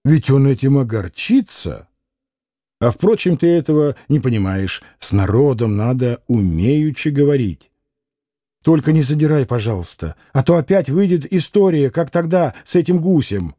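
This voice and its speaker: A man's voice: medium pitch, big pitch swings, normal speed, dark tone, no echo, clean studio sound. A man voicing a self-assured schoolboy in an audiobook, lecturing his friend in a condescending way.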